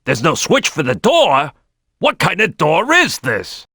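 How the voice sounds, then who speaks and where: A brash cartoon crocodile boss for a video game. The voice is gritty and raspy, pitched high and swinging widely as he barks at his crew with bossy, eager gusto. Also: huge pitch swings, unhurried, no room sound, studio quality, heavily acted. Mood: assessing, directing. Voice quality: gravelly, raspy, forceful. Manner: loud, bossy, exclamatory, barking orders to his crew. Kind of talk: animated video game voice acting.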